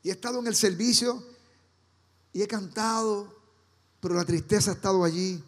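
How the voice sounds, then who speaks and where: A man's voice: sits high, normal speed. A man preaching a sermon as pastor, firing rhetorical questions at the congregation. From Caribbean. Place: church. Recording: reverberant church hall.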